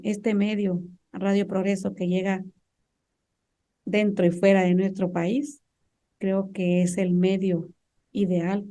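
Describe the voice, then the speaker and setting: A woman speaking as a radio interview guest, measured and pausing with fillers. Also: on the low side, mellow. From Honduras. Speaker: human rights defender guest.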